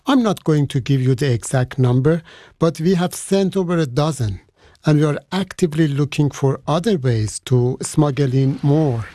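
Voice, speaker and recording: An anonymous man heard through an electronic voice disguise, set somewhat high for a man. The altered tone is mellow and dark, and the recording is close and dry. He speaks in firm, measured statements. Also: no echo. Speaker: smuggler interviewed anonymously. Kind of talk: recorded interview clip.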